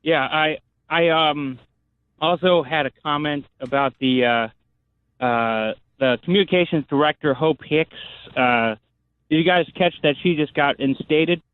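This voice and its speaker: A man calls in to a podcast and talks hesitantly, stumbling over words with lots of uhs. His voice is a little high for a man. The sound is dry. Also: unhurried, smooth, no echo, phone-quality sound. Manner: hesitant, stammering, full of uhs. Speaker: caller. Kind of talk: call-in chat.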